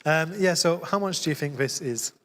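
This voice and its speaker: A man's voice: fairly high pitch, normal speed, fairly bright tone, long reverb tail. A young man co-hosting a casual live quiz stream, easygoing and teasing, laughing often. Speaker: co-host.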